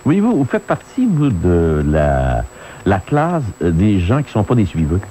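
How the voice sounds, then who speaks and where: A man's voice: sits low, huge pitch swings, a little slow, mellow. A man with a Québécois accent hosting call-in radio, prompting and approving the caller, then preaching a little. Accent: Québécois French. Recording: AM radio broadcast with faint hiss.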